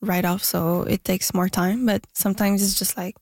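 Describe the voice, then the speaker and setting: A shy musician from Quebec, Canada, whose first languages are French and Spanish, answers interview questions as a guest. She is soft-spoken and hesitant, with many fillers and restarts. Her medium-pitched voice is level and normal in speed, captured in studio quality with no room sound.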